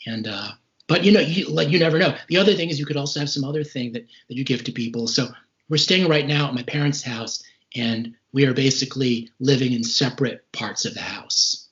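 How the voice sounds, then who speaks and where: A man in his forties, a little short of breath, giving a halting, measured account of his experience as an interview guest. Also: mid-range voice, fairly bright tone. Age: 40s. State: short of breath, recovering from serious respiratory illness. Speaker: interview guest, recovering patient. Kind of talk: recounting personal experience in an interview. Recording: dull lo-fi call audio.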